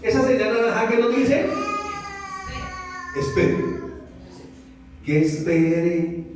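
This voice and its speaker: A Colombian man preaching with a fairly high voice, throwing question after question at his listeners. He slips into little acted-out voices as he goes. He sounds far from the mic, with the sound ringing through a big echoey hall. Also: unhurried, soft background music. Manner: animated, many rhetorical questions, acts out voices. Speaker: pastor. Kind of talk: lively sermon to a congregation. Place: church hall.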